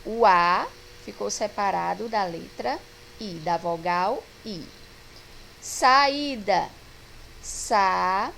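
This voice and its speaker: A woman teacher with a Brazilian Portuguese accent, giving a recorded grammar lesson with slow, patient explaining and stretched-out example words. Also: medium pitch, gravelly, fairly bright tone, a little hiss or hum, low-quality recording.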